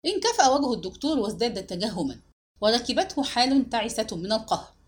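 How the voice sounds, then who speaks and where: Brief: woman narrator reading a crime story, dramatic and measured, lively higher voice. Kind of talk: audiobook narration.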